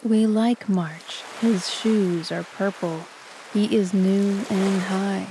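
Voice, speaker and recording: Soft, flat-toned woman reading poems slowly. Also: medium pitch, noisy background. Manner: soft, calm and even. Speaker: sleep story narrator. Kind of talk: soft, slow poetry reading for sleep. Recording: voice over a loud ambient ocean bed. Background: ocean ambience.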